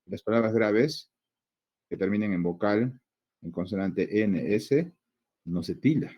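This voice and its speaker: A male teacher with a Peruvian Spanish accent explains a grammar lesson step by step. His voice sits low and dark with a husky grain. He keeps checking in with short questions and stretches words out slowly to sound them out. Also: lively intonation.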